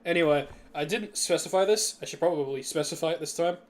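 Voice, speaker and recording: A man's voice: on the high side, fast. A young man casually chatting on a live stream while building a game level, laughing and rambling with restarts.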